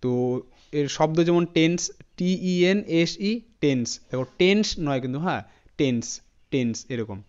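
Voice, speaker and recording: A man teaching English pronunciation in a spoken lesson, spelling words out letter by letter and repeating each one slowly, often checking in with his students. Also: on the high side, expressive, darkish tone, smooth, muffled recording. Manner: addresses students directly with frequent "thik ache" checks.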